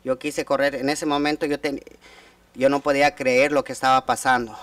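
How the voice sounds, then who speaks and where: A man in his thirties testifying at a formal hearing, speaking haltingly with frequent restarts. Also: medium pitch, level tone, fairly bright tone, dry recording, distant mic. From Guatemala. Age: 30s. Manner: halting, many restarts and repeated words. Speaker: witness giving testimony. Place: hearing room.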